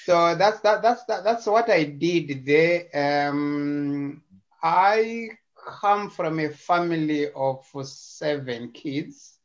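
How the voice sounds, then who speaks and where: A man from Zimbabwe speaks over a video call, his voice pitched a bit high for a man. He talks in a casual, halting way, restarting and repeating words. The call audio sounds somewhat dull and muffled. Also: animated. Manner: hesitant, frequent repetitions and fillers. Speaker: interview guest.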